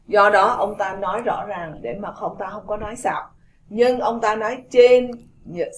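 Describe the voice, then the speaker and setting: Chatty woman host, full of fillers. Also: mid-range voice. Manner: chatty, lots of hesitation fillers and repeated words. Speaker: host and interpreter. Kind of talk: talk show interpreting and explaining.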